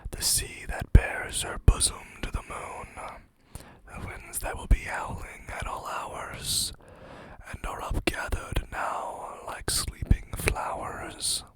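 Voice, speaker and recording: Slow, whispered poem readings come from an ASMR host on a close mic, mixed with chatty remarks; she sounds slightly hoarse and seems to be losing her voice.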